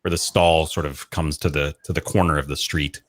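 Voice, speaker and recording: A man's voice: very deep voice, fairly even intonation, brisk, dry recording. A man playing a tabletop game, casually improvising his actions in a rambling way, repeating words as he thinks. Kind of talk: casual improvised role-play narration.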